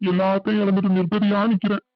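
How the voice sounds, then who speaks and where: An earnest, middle-aged village family man in a cartoon, played by a man. His voice sits fairly high for a man and carries a plain, conversational manner. The recording is dry and a bit dull, like a lo-fi studio dub. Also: flat delivery, fast, no room sound, close to an everyday voice. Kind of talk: cartoon dubbing.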